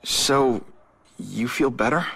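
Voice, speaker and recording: A young American superhero, guilt-ridden but determined. His voice is forceful and bright with a husky grain, in an earnest, dramatic video game delivery. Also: mid-range voice, slow, dry recording, full character voice. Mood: troubled, earnest. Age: young adult.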